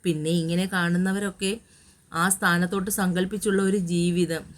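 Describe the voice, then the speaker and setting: A woman voicing a caring, protective older uncle who talks with gentle fatherly reassurance in an audio story. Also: fairly low pitch, steady tone, normal speed, lightly acted. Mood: consoling.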